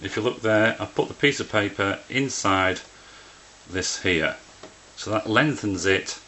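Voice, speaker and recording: A man narrates a relaxed how-to video beside an indoor printer, laying out each practical step plainly. His fairly low voice comes across bright and forceful at a measured pace, and slight background noise is audible.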